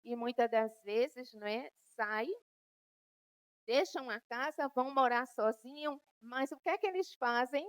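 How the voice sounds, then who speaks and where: A woman's voice: a little high, a little slow, no echo, low-quality recording. A woman giving a spiritual lecture to an audience, conversational and full of "né?" tag questions. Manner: addresses listeners directly. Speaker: spiritist medium giving a talk.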